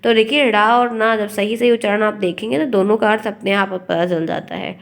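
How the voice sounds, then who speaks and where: A woman running an online exam-prep lesson, her voice sitting at a middle pitch. She is feeling unwell but keeps going, explaining word meanings and repeating pairs of words so students hear how their pronunciation differs. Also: fairly even intonation, a little fast, creaky. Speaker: teacher.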